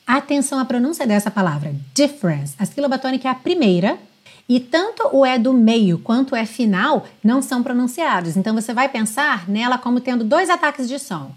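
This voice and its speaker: A woman with a Brazilian Portuguese accent teaching English pronunciation from song lyrics, drawing out the lines slowly and explaining the sounds between them. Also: fairly high pitch, expressive, breathy edge. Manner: slow, drawn-out modeling of lyrics mixed with quick explanations.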